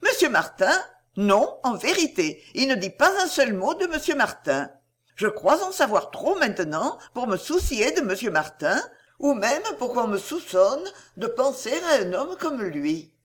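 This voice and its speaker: A woman's voice: medium pitch, very animated, a little slow. A woman voicing a naive, lovestruck young woman in a storybook reading, speaking eagerly and pleadingly.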